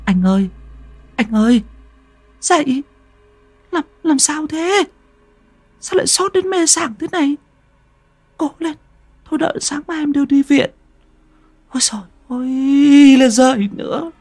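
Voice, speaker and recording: A man's voice: expressive, unhurried, long pauses, a little mellow, dry recording, heavily acted. A man voicing an anxious wife who frantically tries to wake her feverish husband. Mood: frantic worry. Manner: frantic, fretful, raised high.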